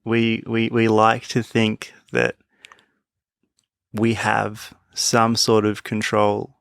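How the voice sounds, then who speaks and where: A man's voice: fairly low pitch, monotone, slow pace, creaky, fairly bright tone, clear, resonant tone, no echo, clean studio sound. A man co-hosting a sports podcast, talking in a thoughtful, musing way and laughing easily. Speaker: podcast co-host. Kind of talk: casual chat.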